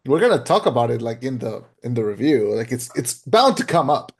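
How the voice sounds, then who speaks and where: A man's voice: mid-range voice, big pitch swings, fairly quick, breathy edge. A man in his late twenties co-hosting a casual movie review podcast, talking bluntly and swearing freely. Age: 20s. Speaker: podcast co-host.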